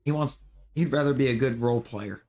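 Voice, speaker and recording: A man's voice: medium pitch, a little fast, warm tone. A man streaming a video game, chatting casually with viewers and giving his opinions in a rambling, loose way. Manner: opinionated, talks to chat viewers; rambling with restarts and fillers. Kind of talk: casual chat while gaming.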